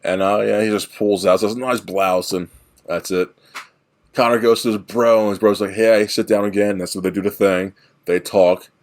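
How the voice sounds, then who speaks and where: A man's voice: lowish voice, steady tone, moderate pace. A man co-hosting a podcast, casually retelling a film's plot in a rambling way and slipping into playful voices for the characters. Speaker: podcast co-host. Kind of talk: casual movie recap.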